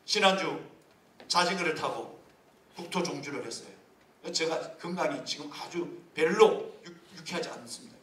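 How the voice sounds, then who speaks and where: A man preaching a sermon as a pastor, lively and humorous, with many rhetorical questions. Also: a little high, slight background noise. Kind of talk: sermon at a leaders' retreat. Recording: echoey hall from far off.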